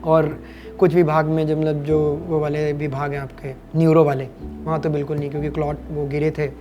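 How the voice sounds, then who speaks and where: A man in his late thirties from Haryana, speaking in a notably high register as an interview guest. He tells his stories in a lively, anecdotal way and slips into other people's voices. Soft music plays faintly underneath. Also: fairly quick, muffled recording. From Kurukshetra, Haryana, India. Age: late 30s. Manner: animated anecdotal storytelling, acting out voices. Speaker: cricket commentator and guest. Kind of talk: podcast interview storytelling.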